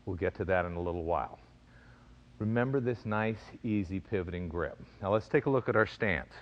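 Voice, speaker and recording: A man with a fairly low voice teaches fencing as an instructor. He explains each technique in measured phrases and gives crisp, clipped commands. The recording is a little dull and muffled. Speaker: fencing and self-defense instructor. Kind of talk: instructional demonstration.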